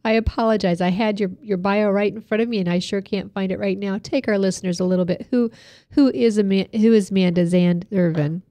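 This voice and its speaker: A woman's voice: medium pitch, steady tone, brisk, dark tone. A woman hosting a talk show, chatty and loose, with fillers and little asides. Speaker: host.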